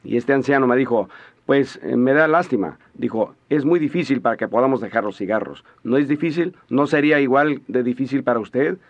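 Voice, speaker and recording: Measured male sermon interpreter. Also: medium pitch. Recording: dull lo-fi audio.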